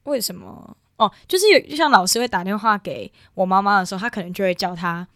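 Fast-talking young woman, dry sound. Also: mid-range voice, fairly bright tone, no echo. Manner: rambling storytelling with many fillers and restarts. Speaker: guest. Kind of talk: casual chat.

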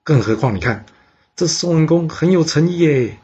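Bribed ancient general, breezy and coaxing, raised husky voice, from a male storyteller. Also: on the high side, lively intonation, moderate pace, darkish tone, dull audio, pitched above the performer's own voice.

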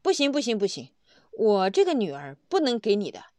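A stern old father barks blunt questions and orders in a retold tale, as a woman narrator puts him on. He speaks in a raised, forceful voice with sharp swings of pitch. The sound is close and dry. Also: sing-song, unhurried, dry recording. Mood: scolding.

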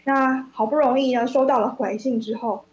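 A woman reading a children's story aloud on the radio, expressive and lively, then discussing it as a guest. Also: sits high, normal speed, roomy sound, lo-fi sound, slight background noise. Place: radio studio.

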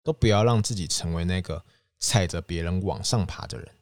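A young man with a Taiwanese Mandarin accent telling his own story as a podcast host, with animated bursts when he acts out his younger self. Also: low voice, brisk, dry recording. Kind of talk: storytelling monologue.

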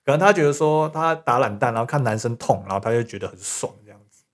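A man tells a story at a brisk, hurried clip. He is co-hosting a relaxed podcast chat. He laughs easily and trails off his sentences casually. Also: medium pitch. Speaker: podcast co-host.

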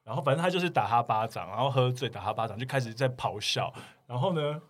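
Fast-talking man telling stories. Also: mid-range voice, breathy edge. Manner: animated storytelling, quotes people in dialogue. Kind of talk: casual podcast chat.

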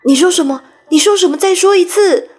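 A woman voicing a brave, eager young boy hero in a storybook reading, with soft music behind. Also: mid-range voice, unhurried, slightly rough. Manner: bright, excited, calling out.

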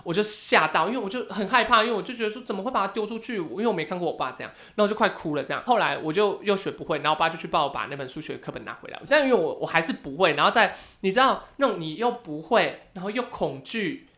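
A podcast co-host rattles off a story at a breakneck clip. The voice sits in a middle register. The host is animated, laughs easily and jumps into raised voices to act out family members. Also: medium pitch, racing, hardly any pauses. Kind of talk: casual storytelling chat.

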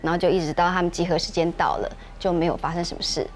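A woman, co-hosting a podcast and telling a ghost story in a chatty, measured way with many fillers. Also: on the low side, steady tone, faint music behind. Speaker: podcast co-host.

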